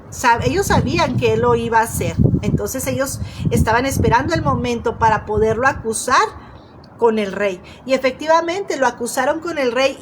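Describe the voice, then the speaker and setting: A woman's voice: sits high, noisy background. A woman preaching a sermon, telling a story and speaking straight to her listeners, often restarting her words. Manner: storytelling, addresses listeners directly, frequent restarts.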